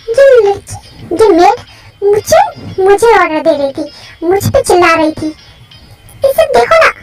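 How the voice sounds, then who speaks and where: A woman doing a whiny clingy girlfriend. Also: heavily acted. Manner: whiny, pleading, high-pitched. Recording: faint music behind.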